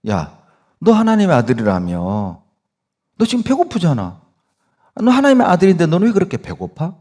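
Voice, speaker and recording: A man's voice: fairly high pitch, wildly swooping pitch, normal speed, darkish tone, voice pushed up. A male preacher voicing the devil as a mocking, needling accuser who whispers doubts. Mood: taunting.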